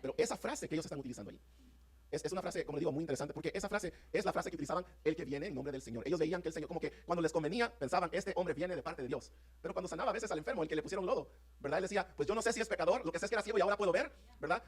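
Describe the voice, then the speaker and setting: Guy preaching in church, super fast, emphatic, keeps checking in with the congregation. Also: on the high side, expressive, slightly rough. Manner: fervent, rapid preaching with rising emphatic peaks; addresses congregation as brothers, asks "¿están conmigo?". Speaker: pastor. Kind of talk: sermon. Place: church sanctuary.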